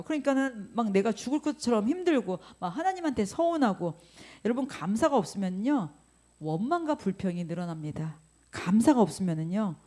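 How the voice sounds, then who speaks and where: Animated woman pastor preaching. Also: fairly high pitch. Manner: animated, acts out grumbling quotes, questions the congregation. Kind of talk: sermon.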